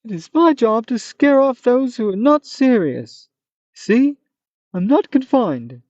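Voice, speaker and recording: A reader performs the Manticora, a fierce monster grown solemn and philosophical, using a high, loud, theatrical voice in a sing-song delivery at a slow pace. The mood is solemn and grand, and the recording is dry, dull and muffled.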